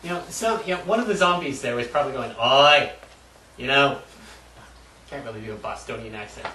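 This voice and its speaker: A man with a bright, slightly high voice throws quick quips into a casual comedy chat. He sounds distant from the mic. A faint hiss sits under the room echo. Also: sing-song. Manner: quick quips, laughs often. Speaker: co-host.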